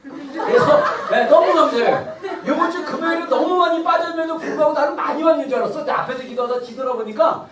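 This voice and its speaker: A woman in her thirties preaching a lively sermon as pastor, at times shouting out cries to God. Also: sits high, quick pace, a loud crowd. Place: church sanctuary. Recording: roomy church hall from far off.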